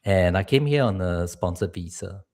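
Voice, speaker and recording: Speaking with a low, slightly mellow voice and lively intonation at a moderate pace, a middle-aged man from Singapore coaches public speaking on a live stream. He's earnest in his advice and laughs occasionally.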